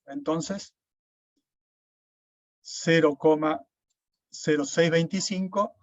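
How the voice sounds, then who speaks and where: A man's voice: fairly high pitch, dry recording. A man, lecturing an online class, explaining step by step and often checking with "¿sí?". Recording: dull, dry lo-fi sound.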